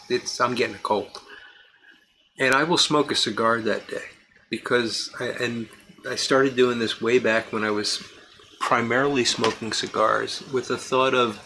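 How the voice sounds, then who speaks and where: A man hosts a livestream of casual live chat, reading viewer comments and answering people by name. He's chatty and laughs easily, with a mid-range voice that sounds pushed and bright. The recording is low quality, with slight background noise.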